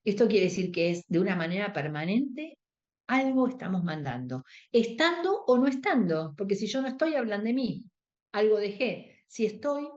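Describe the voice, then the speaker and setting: A woman's voice: lowish voice, a little mellow, highs cut off. A woman with a Rioplatense Spanish accent teaching a workshop on emotional first aid, explaining step by step, acting out quoted dialogue and checking in with her listeners. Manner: explanatory, acts out quoted dialogue, asks the audience for agreement. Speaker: workshop instructor.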